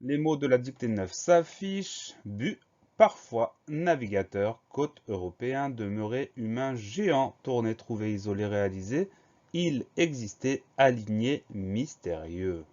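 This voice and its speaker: A man's voice: medium pitch, expressive, unhurried, a little mellow, muffled recording. A man teaching a spelling lesson to primary pupils, methodically spelling each word out letter by letter.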